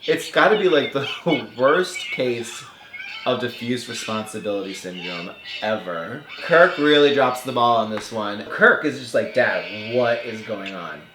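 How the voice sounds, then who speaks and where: A man's voice: mid-range voice, sharp tone, echoey room, a little hiss or hum. A man hosting a film podcast, recapping a movie in a sarcastic, casual way and acting out the characters.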